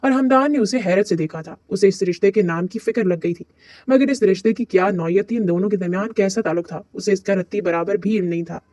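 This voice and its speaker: A man with a high-pitched voice narrates an audio novel in a steady storytelling way. The recording is dry and close to the mic, with no room sound. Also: quick pace, no room sound.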